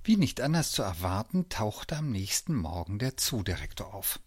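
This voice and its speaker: A man narrating a children's story in a lively, expressive way. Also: on the low side, moderate pace.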